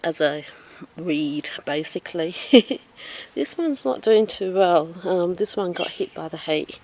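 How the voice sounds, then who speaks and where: A woman's voice: on the low side, lively intonation, a little slow, darkish tone. A woman strolls through her backyard garden and talks unhurriedly about her plants in a chatty, self-deprecating way. She sounds a little out of breath. It is picked up on a phone outdoors, with a faint hum of the outdoors behind her. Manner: chatty, self-deprecating, with frequent ums and laughs. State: slightly out of breath. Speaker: home gardener vlogger. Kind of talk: casual garden walkthrough.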